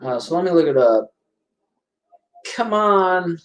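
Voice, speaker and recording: A chatty man hosts a casual live-stream movie commentary, rambling and correcting himself as he goes. His pitch moves up and down a lot. The room around him is roomy and echoing. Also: lively intonation, slow. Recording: roomy echo.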